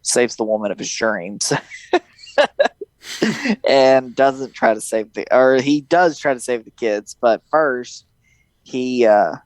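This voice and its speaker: A man casually chatting about a movie, animated and jokey, acting out lines in high voices. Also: slow, pauses often, no echo, low-quality recording. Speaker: podcast host.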